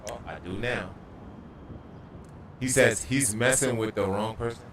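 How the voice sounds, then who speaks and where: A man's voice: medium pitch, a little slow, a bit bright, slight background noise. A man livestreaming a video game, telling stories in casual, profane slang. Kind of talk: casual gaming livestream chat. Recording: echoey room, distant mic.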